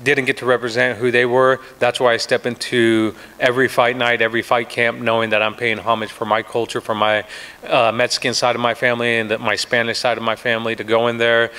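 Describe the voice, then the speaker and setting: This American pro fighter talks to the press at a media day in a brisk, flat, sharp-toned mid-range voice that stays smooth. Brimming with confidence, he trash-talks, restarts often, and fills gaps with "you know."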